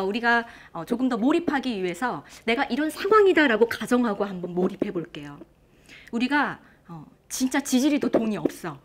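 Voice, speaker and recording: A woman speech lecturer speaks from a stage to a live audience. Her voice sits fairly high and rises and falls a great deal. She talks in an animated, engaging way and keeps throwing questions to the crowd. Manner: lively, asks the audience questions. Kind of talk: motivational lecture.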